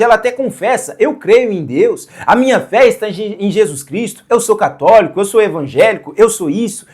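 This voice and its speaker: A man preaching a sermon to camera, earnest, posing rhetorical questions and answering them himself, and repeating phrases for emphasis. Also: sits high.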